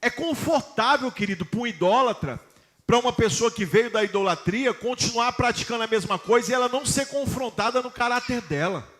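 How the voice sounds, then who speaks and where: A pastor preaching a sermon to his congregation, putting questions to them emphatically and reading scripture slowly. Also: very high-pitched, expressive, a bit bright.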